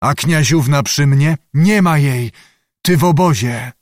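A man's voice: on the high side, measured pace, no room sound, clean studio sound, lightly acted. A man voicing a fierce young Cossack witch, wild and coarse, in a raised chanting voice for an audiobook. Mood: chanting, ecstatic. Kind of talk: audiobook reading.

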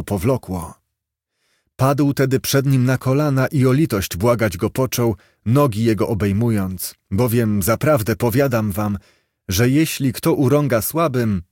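A man's voice: medium pitch, a little mellow, dry recording, studio quality. A man narrating an archaic fairy tale aloud in a solemn storybook manner. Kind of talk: storybook reading.

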